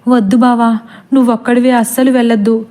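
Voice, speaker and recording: A woman's voice: fairly high pitch, level tone, a little fast, dark tone, natural voice. A woman doing a worried, insistent young woman.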